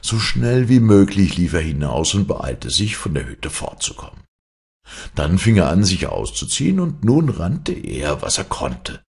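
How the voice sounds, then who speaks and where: Low raspy dude reading folk tales, voice swoops around a lot. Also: male voice, sing-song, unhurried, darkish tone. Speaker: storyteller. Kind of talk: audiobook fairy-tale narration.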